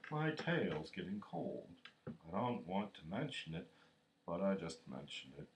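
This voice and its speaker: A man voicing a gloomy, self-pitying donkey who grumbles slowly and mournfully in a storybook reading. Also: sits low, big pitch swings, roomy sound, background noise. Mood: mournful resignation.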